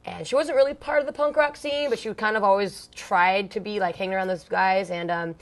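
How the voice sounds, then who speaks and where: In a relaxed interview, a young woman from Long Beach, California, who sings in a punk band, tells stories about her musical past. She talks at a medium pitch and a little fast, in a loose, chatty way full of fillers and slang. She's blunt and swears casually without a second thought.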